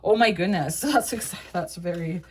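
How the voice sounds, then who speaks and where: A woman's voice: lowish voice, moderate pace, darkish tone, a little hiss or hum. A young woman giving a casual tarot reading, rambling with many fillers, laughing often and swearing now and then. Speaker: tarot reader.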